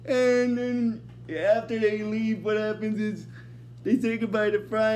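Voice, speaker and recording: A man's voice: high voice, darkish tone, slight background noise. A man hosting a casual, unscripted episode recap, rambling along and leaning heavily on "basically" with frequent restarts. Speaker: host of an episode recap series.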